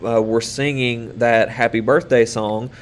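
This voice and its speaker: Recorded by webcam in a small room, a male teacher in his thirties runs an online class for kids, staying patient and upbeat through frequent fillers and pauses. His voice is medium in pitch with fairly even intonation, and there's slight background noise.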